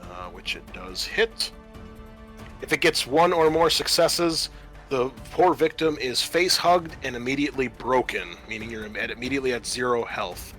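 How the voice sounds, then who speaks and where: With music playing beneath him, a man runs a tabletop roleplaying game as game master, narrating scenes and explaining rules to the players. His mid-range voice is expressive and fairly bright, at a normal speed.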